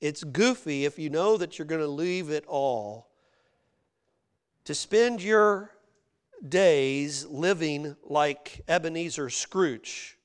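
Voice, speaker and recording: A man preaching a sermon, dropping to quiet low passages and then rising loud and emphatic. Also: expressive, takes it slowly, smooth.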